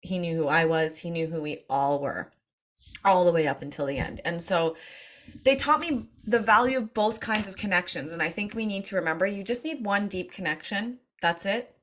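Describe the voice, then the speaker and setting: A woman's voice: lowish voice, normal speed. Woman telling stories on stage, laughs a lot, does little voices for people. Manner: warm anecdotal, laughs often, acts out quotes. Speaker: speaker. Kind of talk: storytelling talk to an audience.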